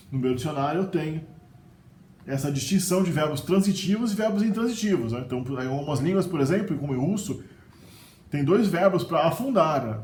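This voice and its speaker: This middle-aged man's voice sits on the high side and is a little mellow, with a Brazilian Portuguese accent. A language teacher, he gives a chatty vocabulary video lesson, frequently tagging sentences with a questioning "né?", recorded with roomy echo and faint ambience.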